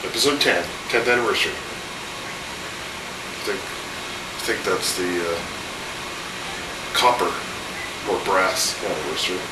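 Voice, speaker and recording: A man in his thirties with a cold chats loosely in a casual home video, his voice a bit off and his rambling full of fillers. He is low-pitched and slow, with long pauses. The mic is distant and set back in an echoey room with AC hum.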